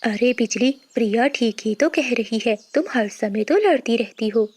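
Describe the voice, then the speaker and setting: A woman's voice: a little high, moderate pace, a little mellow, natural voice. A woman voicing a mild male cartoon crow. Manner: mild, placating.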